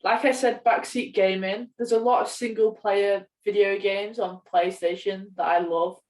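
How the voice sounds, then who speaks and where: A woman co-hosting a podcast chats casually about games, her medium-pitched voice fairly even, darkish in tone and moderately paced. She is recorded some distance from the microphone.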